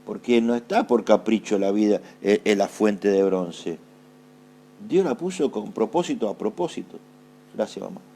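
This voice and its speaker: A man's voice: lowish voice, normal speed, dark tone, husky. A man with an Argentine accent preaching a sermon, asking rhetorical questions, answering them himself and repeating phrases for emphasis. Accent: Argentine Spanish. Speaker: apostle preaching.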